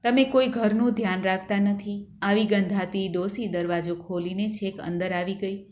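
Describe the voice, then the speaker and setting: A woman voicing a haughty merchant's wife who scolds her servants and drives a beggar out, shouting. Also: medium pitch, steady tone, moderate pace, close to an everyday voice. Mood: furious. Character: haughty rich merchant's wife, shrill and furious.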